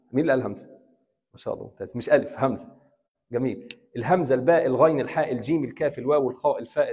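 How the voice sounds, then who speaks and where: A man with an Egyptian Arabic accent, an imam giving a classroom lecture in Arabic and English, explaining slowly, repeating examples and asking his students questions. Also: mid-range voice, darkish tone, breathy edge, long reverb tail. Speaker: imam teaching Quran recitation. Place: mosque hall.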